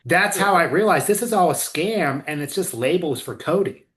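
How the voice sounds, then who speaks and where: A man's voice: fairly high pitch, expressive, moderate pace, fairly bright tone. A man hosting a casual podcast conversation, blunt and swearing freely about the system. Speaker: co-owner and clinical director, host.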